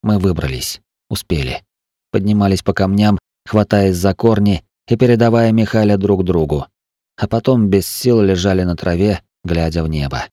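A man reading a first-person adventure story aloud in a steady, measured way. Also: low voice, no room sound, clean studio sound. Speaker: narrator. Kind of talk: scripted first-person audiobook narration.

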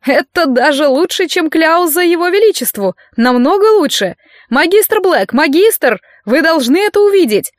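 An excitable, gloating young male student from a fantasy audiobook, as a woman reader puts him on. He pushes his voice high and loud with eager glee, recorded dry and close. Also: moderate pace, no echo. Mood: gleeful. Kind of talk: audiobook character voice.

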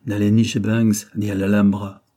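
A man's voice: on the low side, little pitch movement, normal speed, warm tone, close to an everyday voice. A man voicing an earnest, principled young working woman in a storybook reading, speaking in a grave and admonishing way.

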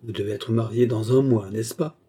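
A man's voice: on the low side, steady tone, moderate pace, warm tone, slightly rough. A man voicing a scheming baronet villain who poses as a kind benefactor, talking in an earnest, persuasive way in a French audiobook novel.

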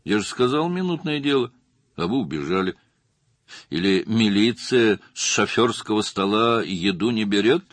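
A man's voice: fairly low pitch, lively intonation, moderate pace, no room sound, pitched above the performer's own voice. A man reading an audiobook, voicing a nervous, talkative young male witness who is eager to please. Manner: chatty and defensive.

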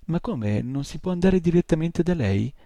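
A man's voice: a little high, lively intonation, moderate pace, warm tone, no echo, voice pushed up. A man voicing a fretful little male imp from a storybook, who whines and stammers. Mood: whiny, dismayed. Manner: whiny, stammering "uh, uh".

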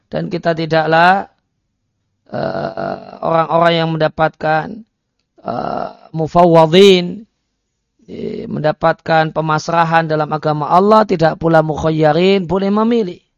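A man delivers a religious study lecture, reading Arabic phrases and explaining them with many hesitation fillers. His voice sits a little high and has a gravelly edge. The recording is dry and dull, with a lo-fi sound. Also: no echo. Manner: reads Arabic text then explains it, with frequent hesitation fillers. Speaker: Islamic religious teacher.

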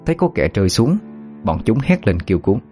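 A man narrating a dramatic folk story in a steady, measured way. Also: on the low side, faint music behind.

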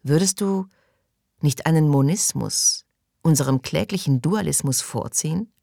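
A woman voicing a hushed, solemn young mystic. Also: deep voice, unhurried, gravelly, no room sound. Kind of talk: audiobook reading.

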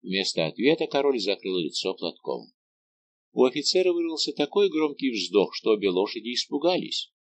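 A man narrating a classic novel as an audiobook in a measured, expressive reading. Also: medium pitch, a little hiss or hum. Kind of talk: scripted narration.

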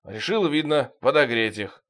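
A man reading a story aloud in even, subdued audiobook narration. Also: medium pitch, normal speed.

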